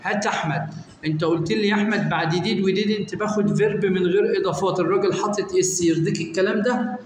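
A man's voice: high-pitched, fast talker. A young man with an Egyptian Arabic accent, teaching an English revision lesson. He quizzes students by name and often answers his own questions. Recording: echoey room with long reverb, faint noise.

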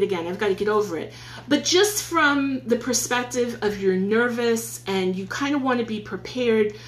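Recorded in an echoey room with a little hiss or hum, this mid-range female voice belongs to a New York-accented streamer in her forties. Chatty and upbeat, she shares tips from her home office, thanking viewers along the way, captured by a phone on a stand at arm's length.

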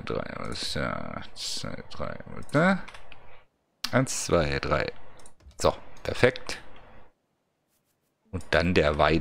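A fairly low-pitched man talking casually through a building game. He mutters to himself, counts steps under his breath and chats to the little characters on screen like friends. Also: a bit bright. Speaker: let's play gamer. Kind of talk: casual gameplay commentary.

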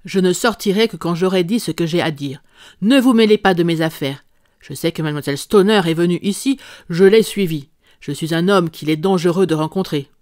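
A hulking old country doctor barks and threatens in a loud, blustering voice, as an audiobook reader puts him on. The sound is close and dry, with no room around it. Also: mid-range voice, expressive, very fast, few pauses, smooth, dry recording, close to an everyday voice. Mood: furious, menacing. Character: huge, furious old male country doctor. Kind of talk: audiobook character reading.

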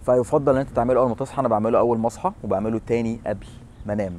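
A man's voice: medium pitch, rapid-fire, a little mellow, slight background noise. A man in his thirties with an Egyptian Arabic accent, presenting an informal fitness explainer to camera. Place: outdoor seafront bench in a city. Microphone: lapel.

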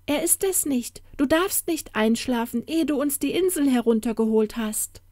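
A little sea giant child, voiced by a woman narrator speaks in a higher, urgent voice. He sounds eager and insistent in this storybook reading, with a dry, close sound. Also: lively intonation, moderate pace, a little mellow, dry recording.

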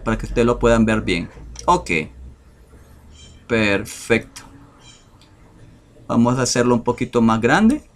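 A man teaching English vocabulary over a screen share, talking in a slow, hesitant way with many fillers. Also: mid-range voice, gravelly.

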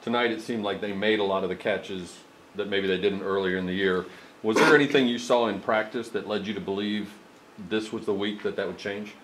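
Reporter guy with a lowish voice, long careful questions, a little noise behind. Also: steady tone, fairly bright tone, low-quality recording. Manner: long, detailed, measured questions. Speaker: sports reporter. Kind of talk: press conference questions.

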